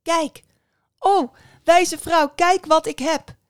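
A woman voicing a brave, desperate young woman who speaks high and loud in a storybook tale. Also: fairly even intonation, takes it slowly, dry recording, studio quality. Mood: proud. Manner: high, loud, breathless pleading.

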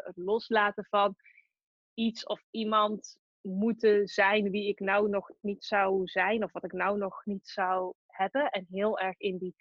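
A woman's voice: mid-range voice, no room sound. Reflective woman, searching for words. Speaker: guest, entrepreneur. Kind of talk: casual interview. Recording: dry, slightly dull recording.

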